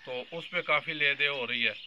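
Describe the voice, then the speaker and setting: A man in his mid-fifties with a very sharp, forceful and bright voice, talking straight to his viewers in a long, earnest political commentary. He explains his points at length. A faint hum of noise sits behind him. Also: fairly high pitch, moderate pace, highs cut off. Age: 50s. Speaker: vlogger.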